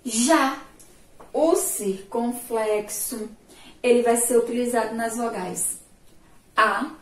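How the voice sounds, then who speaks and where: Slow patient Brazilian teacher, echoey room. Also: female voice, on the high side. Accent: Sergipe Brazilian Portuguese. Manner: slow, drawn-out syllables, asks pupils questions and praises answers. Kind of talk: remote classroom lesson. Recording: echoey room, voice far from mic.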